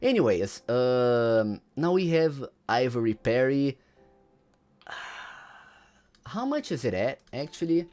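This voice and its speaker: A man livestreams casually while ranking game items, constantly saying "bro" and "you know," repeating his lines, and reading chat messages aloud before answering. His medium-pitched voice is very animated and a little mellow, taking it slowly with long pauses.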